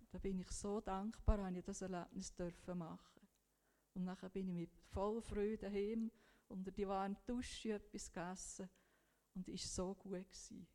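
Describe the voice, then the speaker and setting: Swiss German woman giving a heartfelt faith testimony, warm and mellow tone. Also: medium pitch. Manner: earnest, heartfelt retelling with quoted prayers. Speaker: guest sharing a faith testimony. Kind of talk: personal testimony storytelling.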